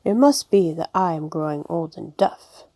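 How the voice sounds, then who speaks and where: A woman voicing a very old, wise male frog who exclaims loudly and emphatically in a storybook reading. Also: lowish voice, expressive, moderate pace, dry recording. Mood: exclaiming.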